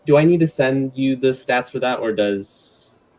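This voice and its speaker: A man's voice: mid-range voice, unhurried, a little mellow, a little hiss or hum. A man narrating a tabletop fantasy game as game master in descriptive, conversational language.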